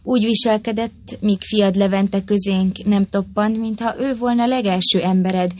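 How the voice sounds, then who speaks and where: A woman's voice: mid-range voice, steady tone, lightly acted. A humble, courteous envoy read by a woman. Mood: deferential. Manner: deferential and polite. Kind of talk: audiobook reading of a historical tale.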